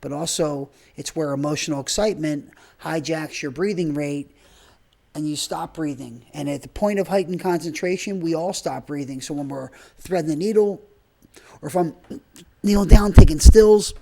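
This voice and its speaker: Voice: mid-range voice, normal speed, gravelly, a little mellow. A breathwork and movement trainer giving informal, rambling spoken instruction while demonstrating.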